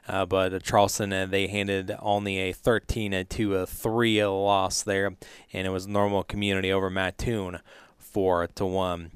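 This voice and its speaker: Very smooth-voiced male sports radio host. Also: deep voice, dry recording. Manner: halting, filler-heavy delivery. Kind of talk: casual live sports radio talk. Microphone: close studio radio microphone.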